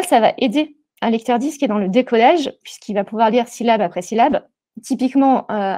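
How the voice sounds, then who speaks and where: A woman with a slightly high, mellow voice presents a product webinar live, demonstrating over screen share while talking through an earpiece headset. She hesitates often, using many fillers and restarting her sentences.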